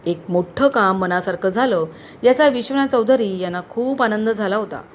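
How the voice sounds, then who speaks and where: A woman storyteller narrating a romantic story in an expressive reading voice. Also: mid-range voice, moderate pace, a little hiss or hum.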